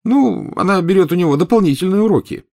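A man's voice: mid-range voice, animated, fairly quick, a little mellow, pitched above the performer's own voice, natural voice. A man reading an audiobook, voicing an impatient, incredulous teenage boy wizard. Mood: placating.

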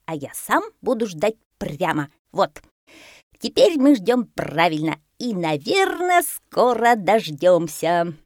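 A woman's voice: fairly low pitch, very animated, takes it slowly, a little mellow, no echo, studio quality, full character voice. A woman voicing a bossy, self-important parrot in a storybook reading. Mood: lecturing. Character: bossy know-it-all parrot.

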